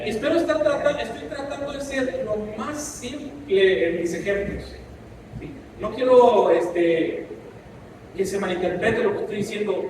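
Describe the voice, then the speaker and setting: A man's voice: sits high, unhurried, noisy background. A man preaching a sermon as pastor, impassioned and mixing in asides. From Mexico. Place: church. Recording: echoey church hall from a distance.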